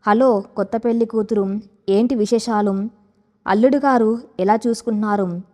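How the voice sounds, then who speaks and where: A woman's voice: mid-range voice, steady tone, normal speed, a little mellow, long reverb tail, lightly acted. A woman voicing a cheerful young female friend who teases playfully. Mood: teasing. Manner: playful, then anxious.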